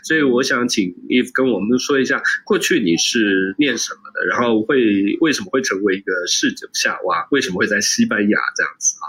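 一位来自台湾的男主持人，边喝酒边轻松地提问，句中常带“呃”“啊”。. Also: male voice, fairly low pitch, a little fast, few pauses, breathy edge, low-quality recording. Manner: relaxed, drinking while talking, fillers. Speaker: podcast host. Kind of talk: casual interview.

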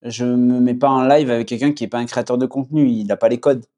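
A young man with a southwest French accent, chatting casually as a podcast guest, relaxed, with many fillers and restarts. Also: medium pitch, fast talker. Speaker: podcast guest, agency founder. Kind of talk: casual conversation.

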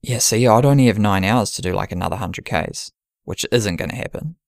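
A man's voice: lowish voice, fairly quick, creaky, no echo, studio quality. A man in casual podcast chat, planning an ultramarathon and thinking aloud with many restarts.

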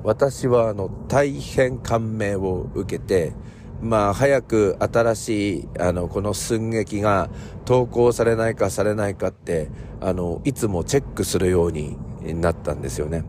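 A man from Ibaraki hosting a solo talk podcast, talking in a relaxed, rambling way with many fillers. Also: on the low side, unhurried, a little hiss or hum. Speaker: podcast host. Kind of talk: casual solo talk radio.

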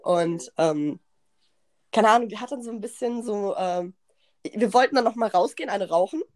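A young woman hosting a podcast, telling a party story in slangy, animated casual chat and acting out what people said. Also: medium pitch, moderate pace. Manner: animated, slangy, acts out quotes, laughs often. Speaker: podcast host.

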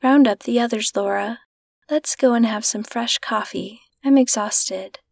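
Woman reading as a brisk upper-class mother, crisp and weary, a touch gravelly, dry close sound. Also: fairly high pitch, darkish tone, no room sound.

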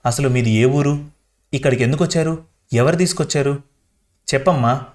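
Storybook: a gentle young woman reporter, soothing questions, read by a man. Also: a little high, moderate pace, close to an everyday voice. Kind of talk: storybook reading.

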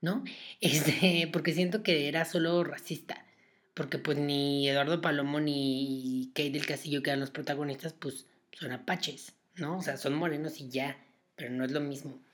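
A woman's voice: low-pitched, steady tone, normal speed. A woman with a Mexican Spanish accent, hosting a podcast and telling a story in casual, sarcastic chat full of asides and fillers. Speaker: podcast host.

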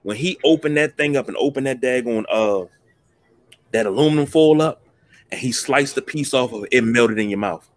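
A man's voice: medium pitch, normal speed. A man hosting a podcast, chatting casually in a folksy, jokey storytelling way. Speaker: podcast host. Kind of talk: casual chat.

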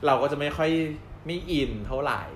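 A man co-hosting a casual chat, recapping episodes in a lively, storytelling way and laughing often. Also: fairly high pitch, a little fast, a little hiss or hum. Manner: animated storyteller, acts out quoted dialogue and laughs often. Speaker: co-host reviewing a drama series. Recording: roomy with faint background ambience.

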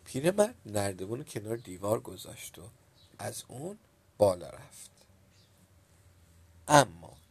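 A man narrating a children's storybook tale in a calm, measured reading. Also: fairly low pitch, breathy edge.

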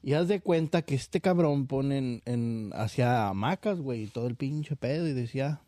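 A man's voice: mid-range voice, lively intonation, normal speed, warm tone, no echo, clean studio sound. Rambling slangy Mexican man telling jokes. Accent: Mexican Spanish. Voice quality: slangy, rambling, laughing storyteller. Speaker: joke teller. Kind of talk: crude casual chat.

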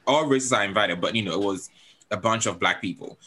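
A man's voice: lowish voice, fairly quick, pushed and bright, a little hiss or hum, rough recording. A man from Africa hosting a casual podcast chat who often checks in with his listeners. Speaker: podcast host.

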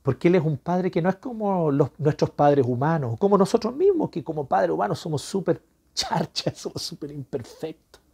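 A man preaching a sermon in a Chilean accent, swinging from loud emphatic lines to hushed, whispered ones. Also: a little high, very animated, normal speed, gravelly, husky.

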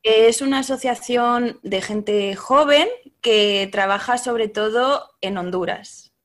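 A woman's voice: a little high, slow. A woman, a teacher speaking as a podcast guest, thoughtful and often hesitating. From Spain. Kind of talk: casual interview talk.

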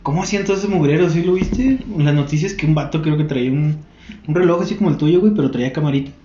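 A man's voice: fairly high pitch, fast, dark tone. A young man with a Mexican accent, chatting casually with lots of slang, swearing and laughter. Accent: Mexican Spanish. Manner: laughs often, slangy and profane. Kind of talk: casual chat. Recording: roomy muffled recording.

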